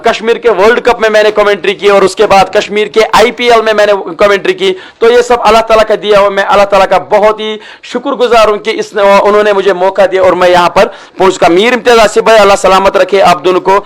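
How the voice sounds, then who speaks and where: A man doing live cricket commentary, grateful and unhurried, reading out viewer comments. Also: sits high, steady tone.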